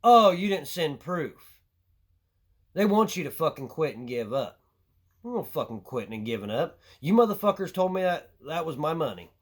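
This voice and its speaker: His pitch is fairly high and his delivery brisk and very animated, with a slightly mellow, husky quality. The vlogger vents furiously to camera, crude and cursing constantly, occasionally winded.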